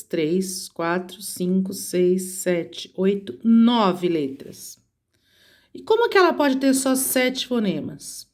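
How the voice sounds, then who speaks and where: A woman's voice: mid-range voice, a little mellow. A woman teacher with a Brazilian Portuguese accent, patiently explaining a lesson to children step by step and counting letters aloud. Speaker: schoolteacher. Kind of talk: recorded remote lesson for children.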